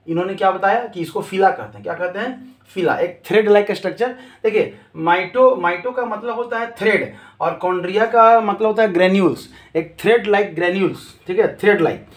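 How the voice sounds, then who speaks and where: A man's voice: sits high, fairly quick. A male teacher lecturing a class, who asks questions and then answers them himself, going back over each key term several times. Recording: echoey room.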